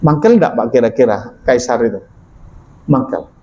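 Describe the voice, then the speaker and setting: A male preacher telling a story in a sermon, animated, asking his listeners questions and repeating key lines. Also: mid-range voice, normal speed, a little hiss or hum, low-quality recording. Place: mosque.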